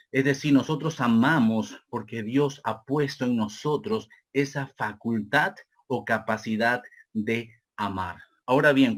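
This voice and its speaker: A man with a Peruvian Spanish accent preaching a sermon, repeating phrases and calling listeners brother, slowing down for key points. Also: medium pitch. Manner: slows down deliberately for key points.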